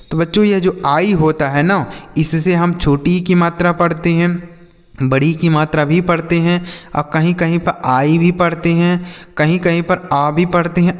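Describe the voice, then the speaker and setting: Teaching kids to read in a YouTube lesson, this male English teacher patiently asks questions and supplies the answers himself. He sounds a little high and seems to be in a large hall.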